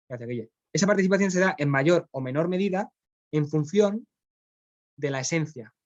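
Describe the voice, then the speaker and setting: A man's voice: a little high, a little mellow, lo-fi sound. A man with a Spanish accent, teaching philosophy in a classroom, explaining step by step and often checking in with his students. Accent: Spain. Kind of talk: classroom lecture.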